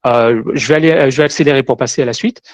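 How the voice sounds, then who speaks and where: A man's voice: mid-range voice, quick pace. Man giving a tech talk with demo. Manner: explains step by step while demoing. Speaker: tech conference speaker. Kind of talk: conference talk with live demo.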